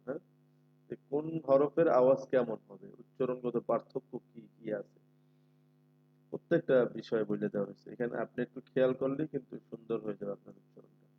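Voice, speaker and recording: A man teaching Quran recitation in an online class, patiently repeating letter sounds slowly for his students. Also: mid-range voice, highs cut off, slight background noise.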